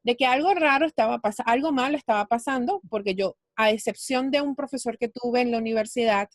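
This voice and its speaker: A Venezuelan woman appears as a finance speaker in a conversational interview, patiently explaining and thinking aloud as she works through her ideas. Her voice is fairly high and fairly quick, recorded close and dry with no room sound.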